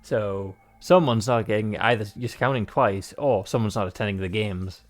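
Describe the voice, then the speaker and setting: A man's voice: lowish voice, moderate pace. A man playing through a visual novel, reading the narration aloud and adding rambling, joking remarks full of fillers. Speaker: game player and narrator.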